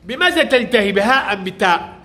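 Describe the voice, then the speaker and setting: A man's voice: high voice, animated, fast, pushed and bright. A male primary school teacher, giving a classroom reading lesson and prompting and praising pupils in short commands.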